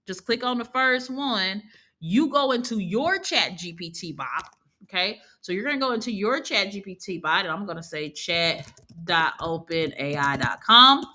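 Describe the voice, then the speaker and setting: Female online instructor with a bright, clear tone. Talks like a casual live class: chatty, quick to laugh, corrects herself as she goes. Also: mid-range voice, lively intonation. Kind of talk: casual live teaching over screen share.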